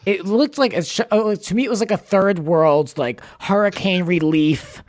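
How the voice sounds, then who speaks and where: A man's voice: high-pitched, normal speed, no room sound, clean studio sound. A man hosting a podcast, chatting casually about reality TV with lots of fillers and easy laughter. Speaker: podcast host. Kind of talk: casual chat.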